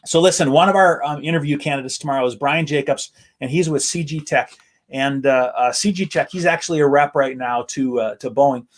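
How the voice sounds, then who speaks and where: An American man hosts a casual live-stream chat outdoors in a backyard, sounding upbeat and enthusiastic. His voice is on the high side and brisk.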